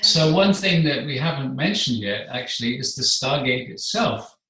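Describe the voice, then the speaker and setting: A man speaking as a guest, explaining his spiritual work in a measured, earnest way. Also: mid-range voice, expressive, sharp tone. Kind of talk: calm explanatory conversation. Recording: echoey room, distant mic.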